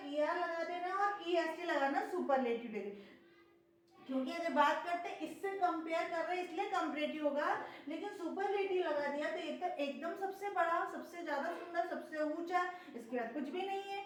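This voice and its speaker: A woman teaching a beginner grammar lesson. She explains patiently, repeats words and keeps asking the viewer to confirm. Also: high voice. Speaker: English teacher. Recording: very echoey room, voice from far off, faint noise.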